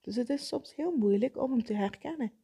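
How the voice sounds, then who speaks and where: Woman therapist, mellow husky tone, calm explainer; slows to stress key points. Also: on the high side. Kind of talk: explanatory talk on self-help.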